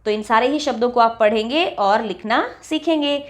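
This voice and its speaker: A woman teacher walking young children through a textbook lesson, reading each example word slowly and clearly. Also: a little high. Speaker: primary school teacher.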